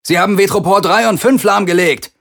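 A man's voice: fairly low pitch, animated, unhurried. A man voicing a hardened female starship captain who growls her short lines. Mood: gruff. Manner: growling, clipped.

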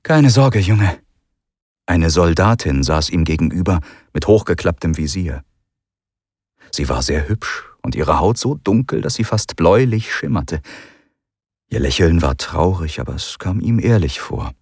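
Ausdrucksstarker Hörbuchsprecher mit tiefer Stimme. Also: male voice, low-pitched, normal speed, no room sound, studio quality. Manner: expressive, dramatic. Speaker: narrator. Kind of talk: audiobook narration.

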